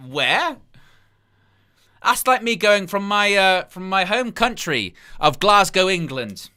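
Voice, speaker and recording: A slow, very animated man with a high, smooth voice that sounds pushed and bright hosts a wrestling livestream. Between plugs for likes, he reads chat comments aloud and rambles through incredulous asides as the watchalong goes on.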